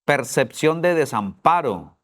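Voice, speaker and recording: A man's voice: on the high side, animated, a little slow, a bit bright. A middle-aged man co-teaching a church parenting class, telling personal stories emphatically. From Colombia. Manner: storytelling, emphatic.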